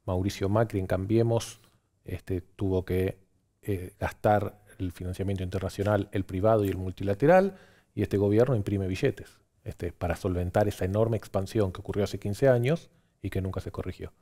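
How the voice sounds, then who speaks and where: Mellow low-voiced Argentine male analyst. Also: moderate pace. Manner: fluent, lists points one after another. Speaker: pollster guest. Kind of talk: political analysis on TV.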